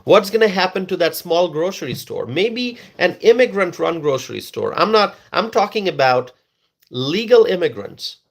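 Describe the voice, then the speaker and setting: This man's high voice is gravelly and very animated, at a moderate pace. He is a political commentator, Bengali by first language, pressing his opinions in an emphatic monologue full of repeated words for stress.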